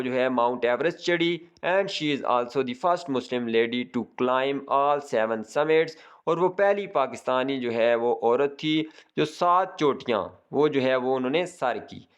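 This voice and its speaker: Male teacher, reads English lines slowly and then explains them, steady lesson delivery. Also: medium pitch, smooth, muffled recording. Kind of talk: textbook lesson, translating into Urdu.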